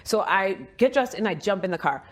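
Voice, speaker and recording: A woman's voice: medium pitch, animated, brisk, music in the background. A woman guest in a casual chat, telling a story expressively and acting out the quotes.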